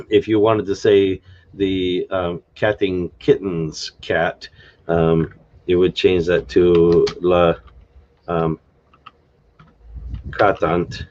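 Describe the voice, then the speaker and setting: A man with a very low voice talks through his invented language on a live stream, pausing with fillers and restarting his sentences. The audio is dull and lo-fi, with keyboard typing behind him. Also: little pitch movement, darkish tone. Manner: thinking aloud, many fillers and restarts. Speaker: live stream host explaining a constructed language. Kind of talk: unscripted live stream chat.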